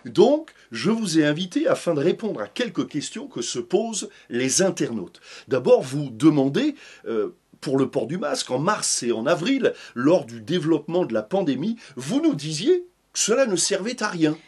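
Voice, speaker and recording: A man's voice: on the high side, sing-song, normal speed, hardly any pauses, a little mellow, husky. A man hosting a comedic mock interview in a church video segment, mock-formal and ironic.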